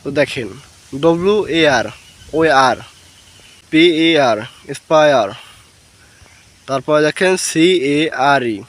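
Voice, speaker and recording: A man teaching English reading, spelling words out letter by letter and then saying each one slowly in a step-by-step phonics lesson. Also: fairly high pitch, animated.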